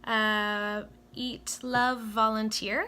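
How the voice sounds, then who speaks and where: A vlogger with a Cameroonian-American French accent chats casually with her viewers from home, speaking slowly in a fairly high, pushed, bright voice with little pitch movement. She hesitates often, searching for words and using many fillers, in a friendly, self-deprecating manner. A faint hum runs in the background.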